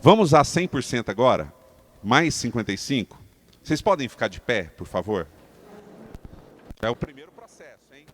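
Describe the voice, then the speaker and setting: A Brazilian man gives a live lesson on speaking to a group of leaders, his voice at an ordinary middle pitch. He talks with energy and emphasis, and keeps turning to the audience with questions. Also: very animated, normal speed, pauses often, slight background noise. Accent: Brazilian Portuguese. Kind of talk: live talk to a seated audience. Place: training room with a live audience.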